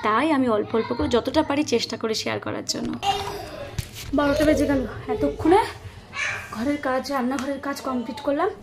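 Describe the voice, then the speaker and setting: A woman's voice: high voice, brisk, background noise. A woman, narrating her daily housework in a casual home vlog and talking straight to her viewers. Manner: chatty, talks straight to viewers while doing chores. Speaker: home vlogger. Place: at home, kitchen and rooftop.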